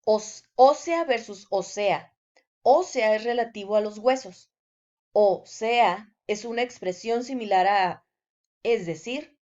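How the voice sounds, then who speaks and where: Female teacher, measured scripted lesson delivery, slow pace, slightly muffled recording. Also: medium pitch, a little mellow. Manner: slow, deliberate delivery with example sentences. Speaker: language teacher.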